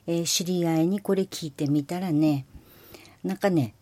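Low-voiced woman in her sixties, Miyazaki dialect. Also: normal speed, no echo. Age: 60s. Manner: folksy, chatty, with hushed asides; nervous, self-deprecating. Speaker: podcast host. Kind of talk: casual chat.

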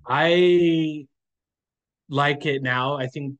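A man appearing as a guest on a podcast in casual chat, thinking aloud and pausing often on "um". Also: on the high side, lo-fi sound. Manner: hesitant, thinks aloud with frequent "um"s.

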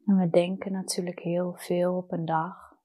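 A woman leads a guided meditation in a slightly low voice. Her delivery is very slow and soft, with long pauses between phrases. The manner is soothing and unhurried. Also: level tone.

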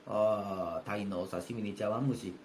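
Sly kansai master plotting, low-ish hushed voice, roomy echo, man doing rakugo. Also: fairly even intonation, a little slow, slight background noise, lightly acted. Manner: sly, conspiratorial. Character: scheming older male master of the house. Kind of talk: rakugo storytelling. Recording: roomy with faint ambience.

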